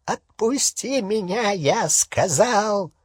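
A male audiobook reader voicing a savage, brutish werewolf man who growls hoarsely. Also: sits high, animated, takes it slowly, no echo, studio quality, voice pushed up, full character voice. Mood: snarling.

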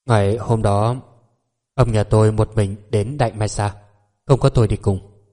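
Calm, polite salon owner, measured replies, read by a man with a dark, low voice. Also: close to an everyday voice. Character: calm composed businesswoman, beauty salon owner.

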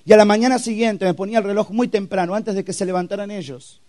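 A man's voice: high voice, fairly even intonation, fast talker, a little mellow. A young man preaching a personal testimony at a youth camp, telling his story with emotion and acted-out sound effects. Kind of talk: testimony sermon.

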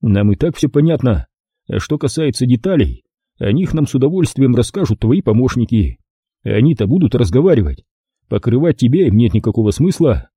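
A man doing a gruff, mocking detective in an audiobook, low and unhurried, with cool menace in every word. The voice is dark and husky, recorded close and dry. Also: big pitch swings, no room sound. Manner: slow, menacing, sarcastic. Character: gruff tough male ex-investigator detective, mocking.

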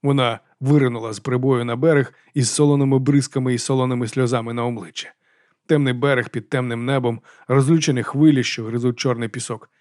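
Brisk man narrating an audiobook. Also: medium pitch, no echo, studio quality. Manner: brisk, steady storytelling. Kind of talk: scripted narration of a dark fantasy novel.

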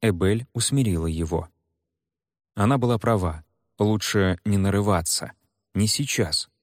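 A man narrating an audiobook in an expressive, dramatic way. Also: lowish voice, measured pace, dry recording, clean studio sound.

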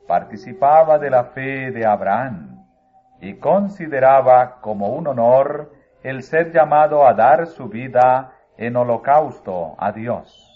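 A man reads a religious story aloud at a slow, measured pace, solemn and steady. His voice sits at a plain middle pitch. The audio is thin and phone-like, with soft music playing underneath. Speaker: narrator. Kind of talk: scripted religious book reading. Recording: phone-like narrow sound, faint music.

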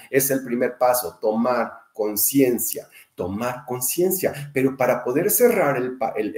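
A man's voice: mid-range voice, darkish tone, echoey room. A man with a Mexican accent giving a talk, emphatic, listing phrases in repeated runs and asking and answering his own questions. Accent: Mexican Spanish. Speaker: biodecoding speaker. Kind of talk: talk to an online audience.

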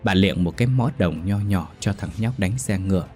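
A man reading a ghost story aloud in a steady, measured storytelling manner. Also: sits low, soft background music. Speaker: narrator. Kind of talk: scripted ghost story narration.

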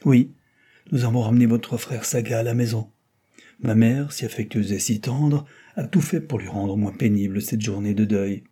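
A man voicing a lively, teasing young woman in an audiobook, with his pitch lifted and a husky tone. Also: moderate pace. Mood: somber.

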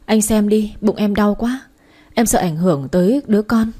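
A woman's voice: medium pitch, normal speed, warm tone, husky, natural voice. A woman voicing a scheming young woman who whines and pleads. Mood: pleading. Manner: whining, pleading.

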